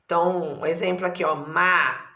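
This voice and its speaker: A Brazilian woman teacher talks her pupils through a lesson, slowly and patiently, stretching words out syllable by syllable. Her voice is bright and clear. The sound carries a noticeable room echo. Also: medium pitch, animated. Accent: Brazilian Portuguese. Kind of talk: online class lesson.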